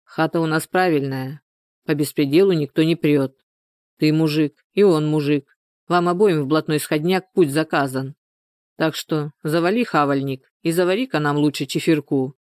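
The audiobook narrator voicing an older man who rules a prison cell, giving calm orders in criminal slang. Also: mid-range voice, normal speed, clear, resonant tone, no room sound, studio quality, natural voice. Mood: commanding. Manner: commanding, slangy.

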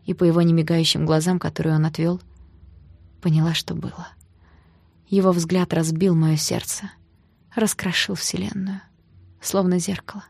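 A woman reading a first-person romance audiobook in a hushed, dramatic manner that often drops near a whisper. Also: fairly low pitch, flat delivery, normal speed, vocal fry, pauses often, slightly rough, dry recording. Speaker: audiobook narrator.

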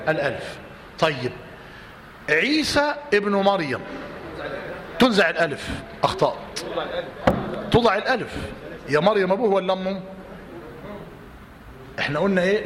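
A man's voice: high-pitched, fairly bright tone. A man with an Egyptian accent teaching a class, repeating his points and quizzing his students. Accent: Egyptian Arabic. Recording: roomy reverberant hall, faint noise.

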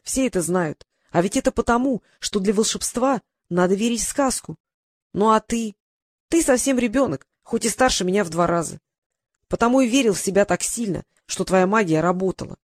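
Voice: medium pitch, dry recording, clean studio sound, lightly acted. A reader doing a snide young apprentice mage. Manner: mocking, lecturing, sarcastic.

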